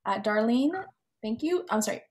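A woman hosting a networking video call, briskly calling on speakers and correcting herself as she goes. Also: fairly high pitch, animated, background noise. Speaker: networking meeting host. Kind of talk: moderating a video call meeting.

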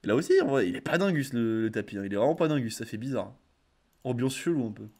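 A young man reading card effects aloud and reacting in relaxed slangy chat as a card game content creator. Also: mid-range voice, fast talker. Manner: reads card text then comments casually with slang. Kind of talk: casual card review reading.

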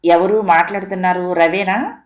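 A woman's voice: lowish voice, fairly even intonation, moderate pace, natural voice. A woman voicing a curt, irritated middle-aged father who answers his son's phone. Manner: curt, testy. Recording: echoey room recording.

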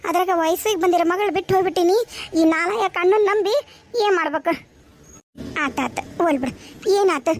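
Woman plays cartoon village mom, North Karnataka accent, scolds loudly, sits very high in the voice. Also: fairly quick, long pauses. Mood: fretful. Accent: North Karnataka Kannada. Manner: loud, scolding, fussing questions. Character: fretful village mother, middle-aged, scolding and anxious. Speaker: mother. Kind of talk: cartoon voice acting.

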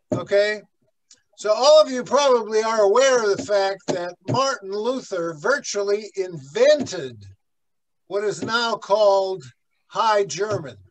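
A man with a high voice teaches a church class at an unhurried pace. He talks like a pastor leading a Bible study, conversational and meandering, full of fillers and side stories. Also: poor audio. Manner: slow, rambling, with many fillers and asides.

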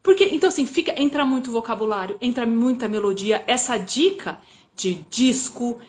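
A woman host, explaining points in an animated, teacherly way during a casual interview with her mother. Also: on the high side, moderate pace.

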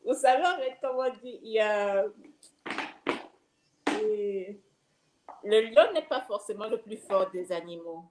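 A woman's voice: medium pitch, lively intonation, a little slow, long pauses, echoey room, noisy background. A woman speaking as a guest on a live online talk, searching for words with many fillers and restarts.

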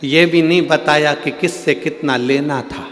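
A man's voice: fairly high pitch, fairly even intonation, measured pace, fairly bright tone, slight background noise. A greedy grown son whines about his loss, as a male preacher acts him out. The voice rings in a big reverberant hall. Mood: whining.

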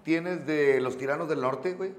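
A man hosting a casual interview, relaxed, reading out viewer questions with short interjections. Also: on the high side, moderate pace, echoey room, slight background noise. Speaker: interview host.

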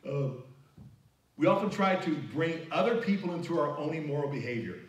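A man's voice: on the high side, lively intonation, fairly quick. A man preaching a sermon as pastor, emphatic and conversational. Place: church sanctuary. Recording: very echoey church hall, mic at a distance.

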